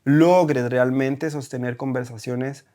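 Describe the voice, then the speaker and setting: A man with a Costa Rican accent, a German teacher talking as a guest in an interview, animated and full of rhetorical questions. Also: medium pitch, takes it slowly. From Costa Rica. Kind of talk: conversational interview.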